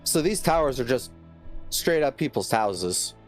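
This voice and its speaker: A man's voice: medium pitch, sing-song, unhurried, soft background music. A man chatting casually as a player in a tabletop role-playing game.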